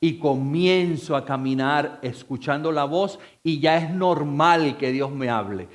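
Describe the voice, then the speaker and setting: A man, a pastor, preaching a church sermon. He moves between quiet talk and raised, emphatic delivery, stacking repeated phrases as he builds. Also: on the high side, measured pace. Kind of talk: Spanish-language church sermon.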